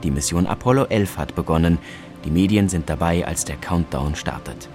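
A man with a deep voice delivers scripted documentary narration. Light music plays underneath his words. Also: moderate pace.

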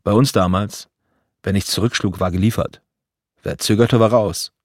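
A man's voice: fairly low pitch, steady tone, moderate pace, no room sound, studio quality, lightly acted. A man voicing a hardened old grandfather who grumbles blunt, cynical words. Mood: gruff. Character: gruff hardened old grandfather, army veteran.

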